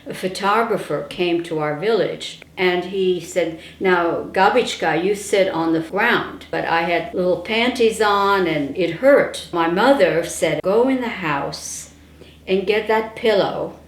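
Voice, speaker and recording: Speaking at a measured pace in a lowish voice, this older woman is an interviewee sharing personal reminiscences of her childhood, told as a story with wry touches. There's a roomy echo from the indoor space.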